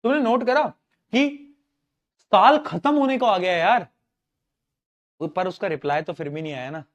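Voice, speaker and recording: A man, teaching an online class in a chatty, teasing way and reading questions out slowly. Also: sits high, lo-fi sound. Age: 20s. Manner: chatty, teasing, jokes with students.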